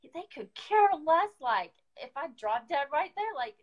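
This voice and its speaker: A woman's voice: sits high, sing-song, a little slow, muffled recording. A woman, a beauty guide with an Oklahoman accent, telling a story in a chatty, casual live chat, full of fillers and quoted asides.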